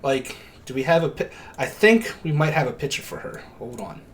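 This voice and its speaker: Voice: mid-range voice, expressive, moderate pace, slight background noise. A casual, informal game master who swears freely while narrating a tabletop game.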